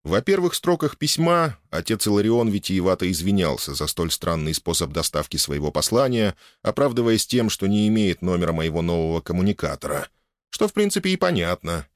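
Male audiobook narrator, low voice, lively wry delivery, dry booth sound. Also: brisk, no echo. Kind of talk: first-person audiobook narration.

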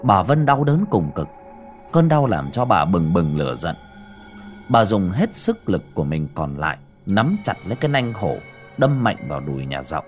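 A man narrating a ghost story in a dramatic, lively storytelling manner. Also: sits low, normal speed, faint music behind.

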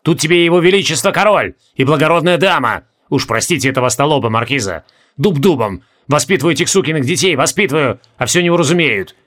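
A man voicing a loud, gruff male guard captain who scolds his soldiers, in an audiobook. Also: fairly high pitch, lively intonation, fast. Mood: scolding. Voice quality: gruff, blustering.

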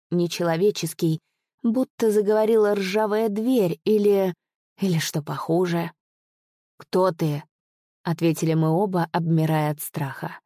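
A woman reading a dramatic first-person tale aloud, with expressive, hushed suspense. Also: fairly low pitch, dry recording, studio quality. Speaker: audiobook reader.

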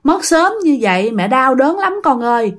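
A woman voicing a grieving, ailing mother who speaks softly and tearfully in a told ghost story. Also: sits high, very animated, moderate pace. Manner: soft, tearful.

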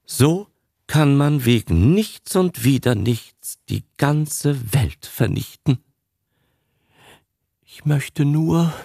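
A man's voice: mid-range voice, expressive, drawn-out words, gravelly, dark tone, husky, dry recording, studio quality, pitched above the performer's own voice, full character voice. A man voicing a frightened, guilt-ridden old man past seventy who whispers and gasps his words in a dramatized audiobook. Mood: anguished. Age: over 70 (figure). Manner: trembling, whispering and gasping.

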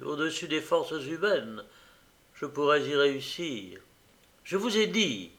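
A man's voice: fairly high pitch, full character voice. A man voicing an old, tormented gambler who turns desperate and furious. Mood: anguished. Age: older. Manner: anguished, rising to shouted rage.

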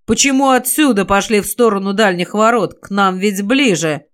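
A woman's voice: medium pitch, normal speed, lightly acted. A woman voicing a grim, stern male squad commander in a fantasy audiobook, speaking gloomily and giving strict orders.

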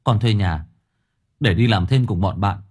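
A man's voice: lowish voice, measured pace, darkish tone, husky. A man voicing an earnest teenage son who stammers, then speaks up plainly.

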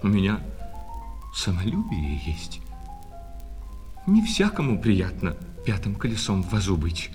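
In a radio play of a classic short story, an actor voices an obsequious, wounded shop clerk, shifting between servile sales patter and bitter, jealous reproach. His low, exaggerated voice swoops wildly in pitch, with a darkish tone, a slightly slow pace, and long pauses, set in a reverberant hall with music behind.

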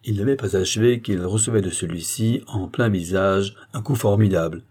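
A man narrating a short story as a scripted audiobook in a measured, expressive way. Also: fairly low pitch.

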